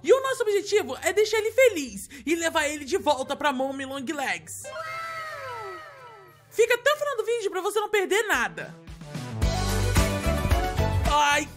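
Mano brasileiro jovem, voz aguda e brilhante, narra jogando minecraft todo afobado. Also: male voice, extremely high pitch, sing-song, a bit bright, faint music behind. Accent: Brazilian Portuguese. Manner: fast, panicky, exclamatory. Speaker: host, gamer. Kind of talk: excited Minecraft role-play.

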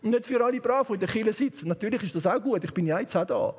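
A man's voice: high-pitched, lively intonation, fast talker, darkish tone, breathy edge, in a large hall. A man with a Swiss German accent preaching an impassioned, emphatic sermon in a church. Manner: impassioned, emphatic, with sudden shifts of pace. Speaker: guest preacher.

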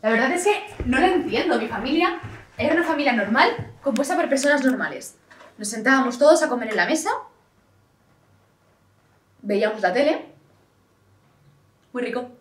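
A young actress playing a young woman who feels nothing, speaking in a quiet, detached monologue. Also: high voice, animated, normal speed, long pauses, slight background noise. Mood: wry, reflective. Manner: quiet, hushed and detached delivery. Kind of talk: theatrical monologue. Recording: voice from a distant mic.

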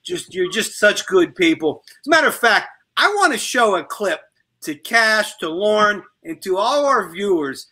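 Middle-aged male host, bright and high-pitched, loose joking chat. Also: big pitch swings, normal speed. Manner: joking, rambling, with filler phrases. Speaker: talk show host. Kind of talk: casual panel chat.

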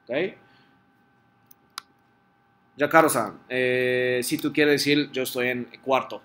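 Bright-voiced male teacher. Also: medium pitch, fairly even intonation, takes it slowly. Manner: patient, explains step by step and checks with students. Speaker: Japanese teacher. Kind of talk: online class teaching Japanese in Spanish.

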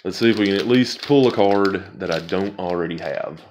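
In this casual unboxing commentary, a man opens card packs for viewers, rambling and chuckling at himself. His low, slightly mellow voice keeps a moderate pace. Slight background noise can be heard.

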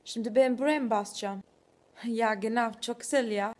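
A woman's voice: fairly high pitch, moderate pace, background noise. A young woman. She talks casually into her phone, as in a selfie clip. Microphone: phone at arm's length.

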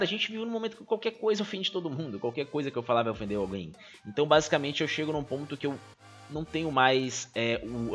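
A man's voice: mid-range voice, sharp tone. A young man with a Brazilian Portuguese accent, a streamer giving his opinion in casual commentary, earnest and full of fillers and restarts. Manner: earnest, fills speech with "cara" and "né", restarts often.

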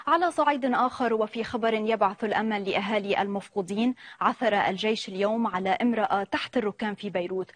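A woman news reporter narrating a segment in a formal, measured reading tone. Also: medium pitch, dry recording.

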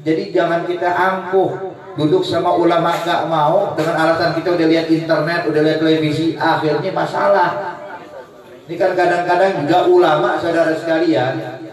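High-voiced preacher in an echoing hall. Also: male voice, brisk, distant mic. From Indonesia. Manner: lively storyteller, addresses the congregation directly. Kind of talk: humorous storytelling sermon. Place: large hall with a live audience. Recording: echoey hall mic from afar with crowd.

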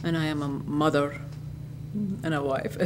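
An older woman from Iraq, an educator giving interview answers in a lecture hall, speaking in a measured way and restating her phrases. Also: low-pitched, expressive, noisy background.

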